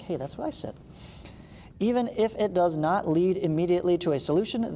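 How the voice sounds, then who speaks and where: This math lesson has a man reading from a textbook and pausing to add casual explanations. His voice is fairly high-pitched and dark, and the room echoes with a hiss in the background.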